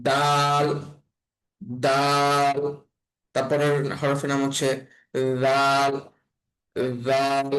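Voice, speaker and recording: A man from Bangladesh teaching an online class on letter pronunciation, speaking slowly and repeating each sound several times. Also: fairly high pitch, rough recording. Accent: Bangladeshi Bengali. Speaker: Quran reading teacher.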